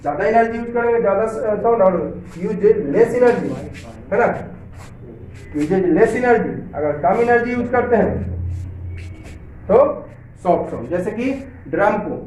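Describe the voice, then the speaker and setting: A male science teacher giving a classroom lecture, often asking students if it is clear, reading English lines slowly and then explaining them. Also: high voice, animated, a little mellow. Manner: repetitive, asks check questions often. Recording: roomy, distant, dull lo-fi sound with faint hiss.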